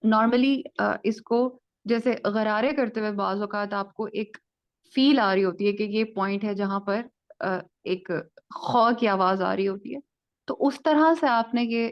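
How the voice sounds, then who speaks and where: Woman, lo-fi recording, patient teacher, step-by-step explaining, slow modelled sounds. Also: medium pitch. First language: Urdu. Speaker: tajweed teacher. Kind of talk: online lesson. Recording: dull lo-fi audio.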